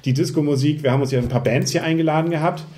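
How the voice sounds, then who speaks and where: A man with a fairly high, mellow voice talks at a racing pace while hosting a board game podcast. At an office Christmas party, he chats and jokes casually with colleagues, filling his speech with plenty of fillers.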